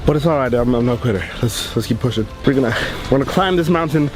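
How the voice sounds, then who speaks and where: Fast-talking man vlogging outdoors over music. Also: medium pitch. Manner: joking, chatty, filler-heavy. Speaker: travel vlogger. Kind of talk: casual on-camera chat. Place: outdoors on a mountain trail and city streets.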